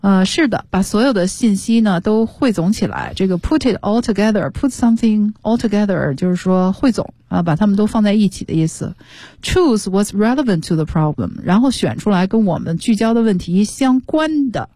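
A woman's voice: medium pitch, animated, normal speed, warm tone, no echo. A woman teaching English on a radio lesson, explaining patiently and spelling words out. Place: radio studio.

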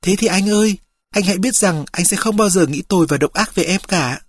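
A reader voicing a frail young woman who speaks softly and tenderly to her lover, in a husky voice. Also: medium pitch, brisk, no room sound, clean studio sound, close to an everyday voice. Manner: soft, pleading and intimate.

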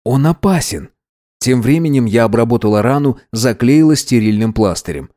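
A man narrating a fantasy audiobook in the first person, even and measured. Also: medium pitch.

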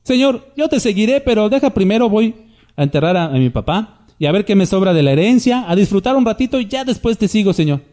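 A man's voice: high voice, sing-song, quick pace, dark tone, pitched above the performer's own voice. A man doing a whiny excuse-making follower. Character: half-hearted male would-be follower making excuses.

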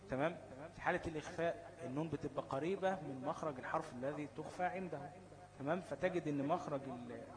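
The audio is poor, and the man's voice sits on the high side. Speaking with an Egyptian Arabic accent, he leads a lesson on recitation rules, putting questions to his students and answering them on his own while repeatedly asking "okay?" to confirm they keep up.

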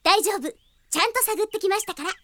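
Est, a very high-pitched perky girl knight. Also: fast talker, a bit bright, dry recording. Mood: cheerfully businesslike. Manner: chirpy, teasing, playfully theatrical. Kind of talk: Japanese radio drama acting. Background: music.

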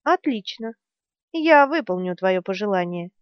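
A woman reading the part of a fierce, desperate female warrior in an audiobook, shouting and shrill. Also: animated, measured pace, dry recording, natural voice. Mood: furious desperation. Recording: dry, slightly dull studio sound.

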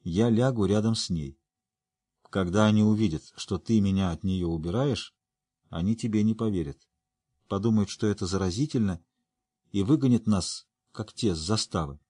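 A man's voice: on the low side, normal speed, mellow, breathy edge, no echo, clean studio sound. A man reading the lines of a proud, stubborn young girl who speaks earnestly.

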